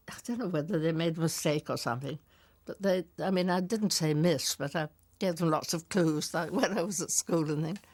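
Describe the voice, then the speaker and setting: An older woman remembers her flying past in a chatty interview and breaks into laughter in places. Her voice sits fairly low. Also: darkish tone, dry recording. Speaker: former pilot. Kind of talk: interview storytelling.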